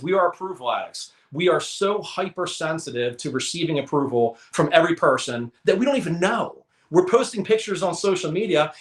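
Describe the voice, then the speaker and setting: An American man giving an emphatic, energetic motivational talk, repeating his points for emphasis. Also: on the high side, echoey room. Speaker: motivational speaker. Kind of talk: live presentation talk.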